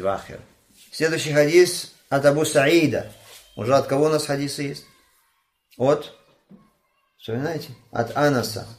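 A man teaching a religious lesson on hadith, impassioned and scolding, asking his listeners questions as he goes. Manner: impassioned, scolding, rising to loud outbursts then dropping low. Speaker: Islamic teacher.

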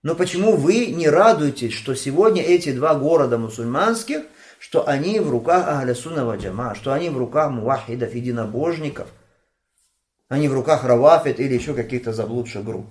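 A man teaches a religious lesson on hadith as an Islamic teacher, his voice expressive and brisk. Impassioned and scolding, he questions his listeners as he goes, rising to loud outbursts before dropping low again.

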